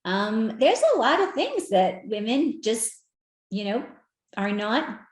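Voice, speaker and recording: A woman giving a conference talk with slides, animated and conversational, often asking the audience direct questions. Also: fairly high pitch, slow pace, roomy sound. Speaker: speaker at an equity research event. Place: virtual event.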